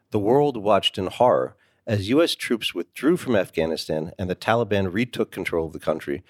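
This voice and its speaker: A man with a fairly low voice reads a scripted podcast introduction. His phrasing is polished and clear, and the sound is close and dry. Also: dry recording. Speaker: podcast host.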